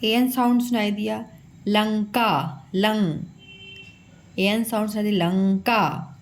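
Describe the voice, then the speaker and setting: A woman's voice: medium pitch, fairly even intonation, takes it slowly. A woman teaching children a phonics lesson, patiently sounding out each syllable and calling her pupils "beta".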